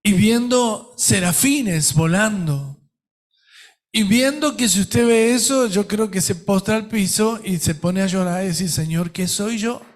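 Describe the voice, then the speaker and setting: A middle-aged man with an Argentine Spanish accent, preaching a sermon as pastor with emphatic delivery and dramatic pauses. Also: high voice.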